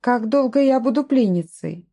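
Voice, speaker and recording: A woman's voice: fairly high pitch, animated, normal speed, highs cut off, voice pushed up. A woman voicing a defiant, frightened young woman. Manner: sharp, defiant, pleading.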